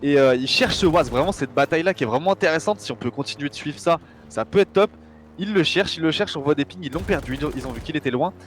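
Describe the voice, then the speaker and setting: A man's voice: a little high, expressive, fast. A man commentating a match live as an esports caster, informal and conversational, often repeating phrases. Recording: faint gunfire and game noise behind.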